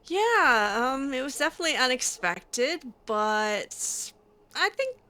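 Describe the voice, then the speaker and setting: A woman with a high voice speaks slowly, with big swings in pitch and a pushed, bright quality. She's a gamer voicing her character aloud in a role-playing game, improvising casual dialogue that is chatty, hesitant, and lightly sardonic.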